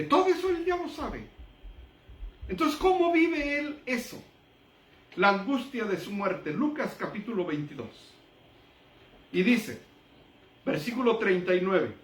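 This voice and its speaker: A man with a high voice delivers a sermon, reading Bible verses and explaining them with emphatic pauses. His voice carries from a distance through an echoey room. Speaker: preacher.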